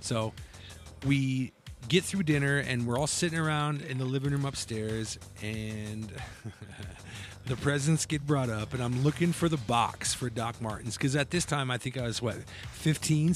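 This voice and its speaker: A man's voice: mid-range voice, normal speed, soft background music. A man co-hosting a casual podcast, telling a family story and acting out the quotes with laughs. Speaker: podcast co-host.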